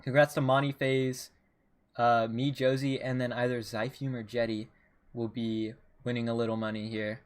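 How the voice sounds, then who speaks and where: A man hosting and commentating a gaming tournament stream in a relaxed, chatty way with many fillers. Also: mid-range voice, moderate pace. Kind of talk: casual esports commentary.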